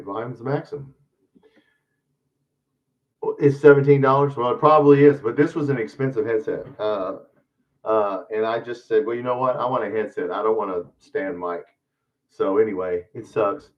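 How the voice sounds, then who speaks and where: A man's voice: on the low side, moderate pace. A man hosting a live stream, chatting casually through a headset mic that makes him sound hollow, as if in a tunnel. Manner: rambling, troubleshooting aloud. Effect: hollow echoing tunnel sound from a faulty mic. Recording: muffled, distant, dull headset audio.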